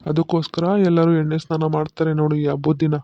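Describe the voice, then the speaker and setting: In this cartoon, a man with a slightly high, completely flat, fast voice plays a patient village father who walks through the ritual step by step, keeps asking "okay?", and checks that he's understood. The mood is instructive. The audio is dull with no room sound, and the voice is close to everyday speech.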